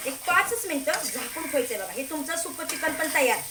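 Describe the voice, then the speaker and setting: Expressive and fairly quick, a high-voiced, Marathi-accented woman runs a casual cooking demo for her home cooking channel, chatting, asking "okay?" and urging viewers to look. The echoey kitchen recording picks up cooking noise, including a sizzling pan and clattering pots.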